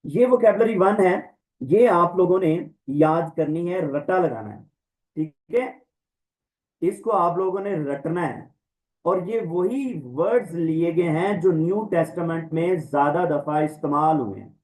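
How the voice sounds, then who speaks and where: A man gives an online lesson, stretching out each word and repeating it for the class to copy. His voice sits a little high for a man. He talks at an unhurried, deliberate pace. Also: darkish tone, rough recording. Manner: slow, drawn-out word-by-word pronunciation drills. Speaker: Greek language teacher. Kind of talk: online lecture. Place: online class, voice over slides.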